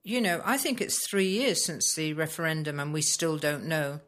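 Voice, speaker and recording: A British woman living in Spain, talking through a current issue in casual conversation, pausing often with ums as she searches for words. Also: sits low, lively intonation, fairly bright tone. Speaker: expat blogger discussing Brexit.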